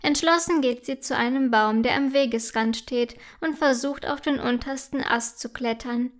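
A woman narrating a children's story in a gentle, clear and expressive way. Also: high voice, moderate pace.

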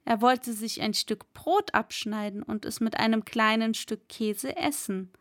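A woman reading a story aloud in a calm, measured way. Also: fairly high pitch. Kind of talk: read-aloud story narration.

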